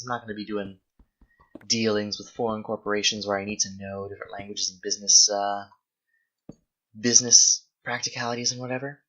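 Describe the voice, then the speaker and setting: A young adult host chats in rambling fashion while gaming, answering viewer questions, thinking aloud and often self-correcting. The voice is medium pitch, pushed and bright, and the recording is low quality.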